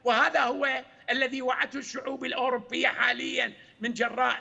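A man, an economics expert guest on a news panel, giving lecturing, argumentative commentary in a gravelly voice. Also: very high voice, level tone, fast talker, bright, forceful tone, long reverb tail, dull audio, faint music behind. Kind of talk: analytical commentary.

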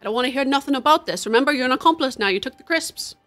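A woman's voice: high-pitched, expressive, very fast, fairly bright tone, faint music behind. A woman doing a cocky streetwise young tough. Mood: swaggering. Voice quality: swaggering, threatening, slangy.

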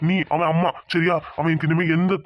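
A man's voice: a little high, level tone, moderate pace, natural voice. A man voicing a proud, stern middle-aged village father in a cartoon, commanding in tone. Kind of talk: cartoon dubbing. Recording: dull lo-fi audio.

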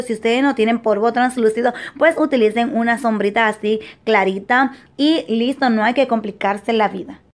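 A young woman narrates a makeup tutorial, speaking fondly to her viewers. Her voice sits a little high, and her talk is chatty and full of little diminutives. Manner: affectionate, chatty, lots of diminutives. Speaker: beauty vlogger.

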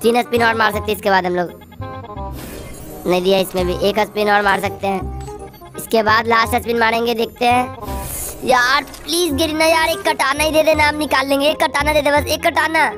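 Her voice, pitched up by a voice changer, has fairly even intonation and a normal speed. She hosts a gaming video with casual commentary over background music, chatting and repeating phrases.

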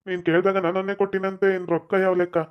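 A performer playing a doting, flattering husband in a comedy skit. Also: mid-range voice, fast, clear, resonant tone, close to an everyday voice. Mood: fawning. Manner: fawning, flattering. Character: doting middle-aged husband, stingy with his daughter. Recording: dull lo-fi sound.

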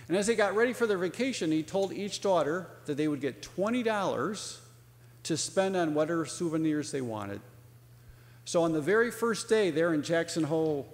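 A male pastor preaching a sermon, telling a story and voicing its people in a livelier tone. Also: a little high. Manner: storytelling, acts out dialogue in a raised voice. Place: church sanctuary. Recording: long church reverb.

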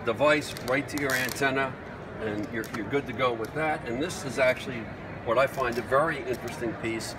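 At an indoor trade show booth, a middle-aged man with a mid-range voice chats briskly and enthusiastically while presenting gear and asking questions in a casual product demo. The mic is distant and the show floor is noisy.

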